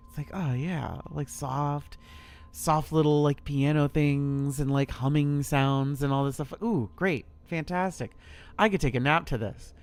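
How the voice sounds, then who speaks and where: His voice a little high and a little slow, a thirtysomething man chats through a horror game stream. The commentary is casual, rambling and relaxed, peppered with plenty of swearing.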